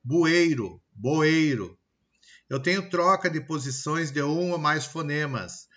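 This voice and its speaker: A man with a Brazilian Portuguese accent teaching a recorded grammar lesson, checking in with "tá?" and sounding out example words slowly. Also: a little high, bright, forceful tone, highs cut off. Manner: explanatory, pausing with frequent "tá?" and "ok?" checks; slow, deliberate word-by-word example pronunciations.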